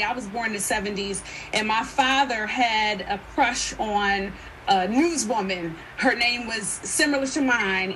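An expressive woman in her fifties speaks as a radio guest. She tells her story earnestly in a fairly high voice. A loud hiss runs under her noisy line. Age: 50s. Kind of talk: call-in radio talk.

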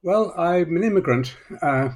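A man in his sixties, originally from Malaysia, answering interview questions hesitantly with many pauses and restarts. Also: fairly high pitch, expressive. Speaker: guest author, political scientist.

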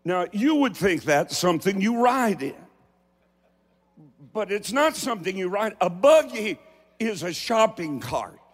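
Male preacher, Appalachian accent, high and very animated voice, folksy theatrical sermon in a reverberant hall. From Appalachia, United States. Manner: deliberate, theatrical delivery with emphatic pauses. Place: large hall, preaching to a congregation. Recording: echoing large hall with long reverb.

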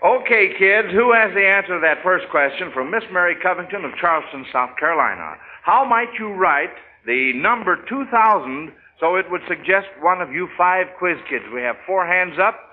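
A man hosts an old 1940s radio quiz in a folksy, schoolmasterly manner. His pitch is high for a man, and the sound is a narrow, tinny vintage broadcast with some background hiss. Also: lively intonation, moderate pace, few pauses. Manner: schoolmasterly, folksy address to children. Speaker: radio quiz show host.

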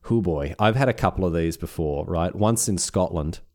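A man with an Australian accent, a podcast co-host chatting casually and telling animated stories with many restarts. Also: low voice, normal speed. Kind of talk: casual chat.

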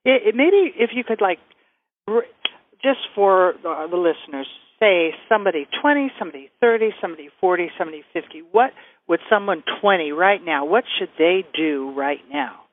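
A man's voice: high-pitched, lively intonation, brisk. A man hosting a radio interview, enthusiastic and complimentary toward his guest. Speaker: radio host. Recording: tinny phone-like sound.

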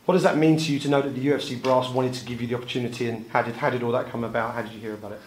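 A male sports interviewer asks long, detailed questions. His voice sits at an ordinary pitch. The room around him echoes noticeably. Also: steady tone, rapid-fire.

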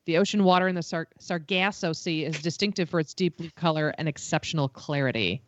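A woman's voice: sits low, a little fast, muffled recording, slight background noise. A woman with an upstate New York accent from Buffalo, hosting trivia and reading out answers amid casual banter. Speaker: trivia quiz host.

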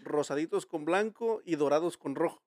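Slangy Mexican man, fairly high voice. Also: moderate pace, a crowd in the background. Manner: rambling, slangy storytelling with many restarts. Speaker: podcast host. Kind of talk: casual chat.

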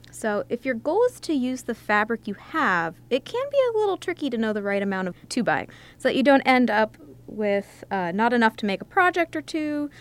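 A woman magazine editor talking as a podcast guest, chatty and enthusiastic, laughing often. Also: a little high. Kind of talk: casual podcast chat.

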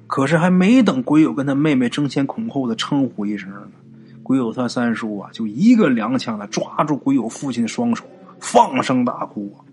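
A man narrates a ghost story at an easy, unhurried pace. His voice sits in a middle register and his telling is colloquial, full of homely asides to the listener. A faint hiss runs under the recording. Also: medium pitch, lively intonation, darkish tone.

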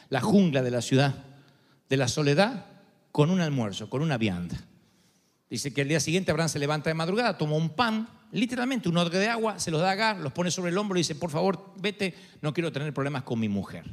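A man preaching a sermon, telling a story dramatically and building to emphatic peaks. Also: a little high. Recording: long hall reverb.

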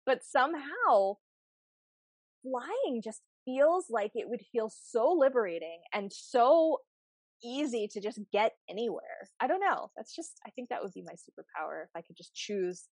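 Chatty American woman, bright and dry. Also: a little high, moderate pace, no echo. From United States. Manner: chatty, animated storytelling. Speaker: podcast host. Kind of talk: casual interview chat.

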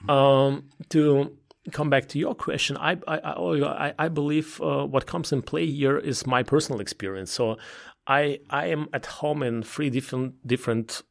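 Gravelly man with an Eastern European accent. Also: a little high, fairly even intonation. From Belarus, Ukraine and Russia. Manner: halting, repeats words while searching for phrasing. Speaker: interview guest, political campaign consultant. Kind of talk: explanatory interview talk.

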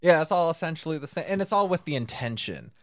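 A man's voice: on the high side, lively intonation, fast, no room sound, studio quality. A man co-hosting a casual chat, joking and rambling as he talks.

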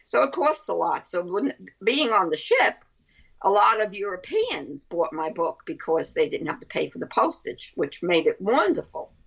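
A woman's voice: lowish voice, sing-song, normal speed, gravelly, husky. A woman with a Brooklyn accent chatting casually as an interview guest, rambling and often repeating her phrases. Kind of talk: casual chat. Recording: dull lo-fi line.

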